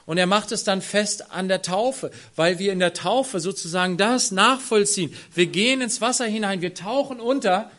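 A man preaching a sermon who speaks straight to his congregation, dropping to near-whispers and then rising to loud, emphatic phrases. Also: high voice, moderate pace, few pauses. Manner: addresses the congregation directly.

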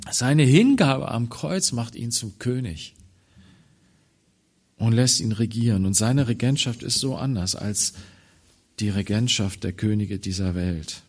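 A man preaching a sermon on a Bible passage, swinging from loud emphatic phrases to quiet low ones. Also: expressive, slightly rough. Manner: slow, deliberate delivery.

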